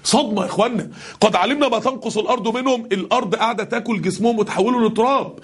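Fast, fiery Egyptian preacher, husky voice. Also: male voice, high voice. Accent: Egyptian Arabic. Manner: impassioned, rising to shouts on key verses. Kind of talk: sermon to a live congregation.

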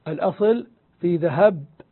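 A man giving a grammar lesson, explaining slowly and deliberately, repeating examples and answering his own questions. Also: high voice, breathy edge. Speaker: Arabic grammar teacher. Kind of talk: lecture. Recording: tinny phone-like sound.

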